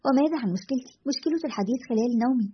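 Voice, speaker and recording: A woman's voice: high voice, lively intonation, very fast, husky. Woman doing a frightened young woman caller. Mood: anxious. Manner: anxious, pleading. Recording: dull lo-fi recording.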